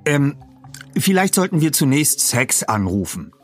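A man's voice: a little high, sing-song, unhurried, faint music behind, pitched above the performer's own voice. A man voicing a pedantic teenage boy detective who stammers and lectures formally. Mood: lecturing.

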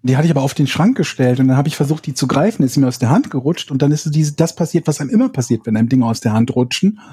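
A man's voice: mid-range voice, expressive, very fast, warm tone, slightly rough, dry recording. A man co-hosting a podcast, telling a rambling story and teasing the others in casual chat. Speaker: podcast co-host.

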